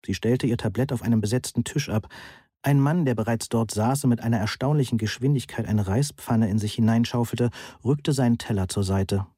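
Ein Mann liest ein Hörbuch in der Ich-Form, trocken und genau erzählt. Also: male voice, medium pitch, brisk, mellow, husky, no room sound, clean studio sound. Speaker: audiobook narrator. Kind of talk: first-person audiobook narration.

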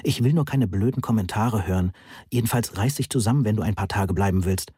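Audiobook figure: a bossy, firm woman, put on by a male reader, raised a bit in pitch, husky and dry. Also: a little fast, mellow, no echo. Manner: bossy, firm, a little shrill. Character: brisk brash adult woman, cleaner caring for sick student.

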